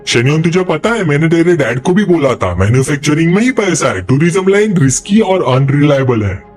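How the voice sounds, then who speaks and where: A man's voice: fairly high pitch, sing-song, a little fast, a little mellow, faint music behind. A man voicing a boastful, petty middle-aged uncle who sneers and shows off. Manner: bragging, sneering.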